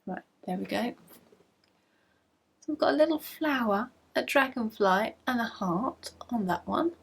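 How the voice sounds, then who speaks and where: A woman's voice: a little high, lively intonation, unhurried, creaky, slightly rough. A woman hosting a casual video podcast, chatty and bubbly, gushing over things she shows to the camera at home. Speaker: podcast host.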